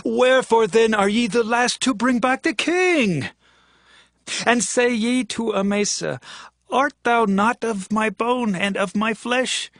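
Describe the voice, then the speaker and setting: A commanding king from a scripture audio drama. His voice rides high and is recorded dry and close. He declaims with stately passion and heavy emphasis. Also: slow pace, fairly bright tone, dry recording, full character voice. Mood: impassioned. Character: King David, commanding, impassioned male monarch.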